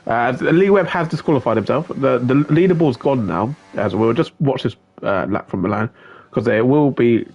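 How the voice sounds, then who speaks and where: A man's voice: medium pitch, lively intonation, normal speed, vocal fry, darkish tone, slightly rough, dull audio. Chatty man commentating a sim race. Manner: chatty, greets viewers by name, filler-heavy. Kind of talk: live sim-racing stream commentary.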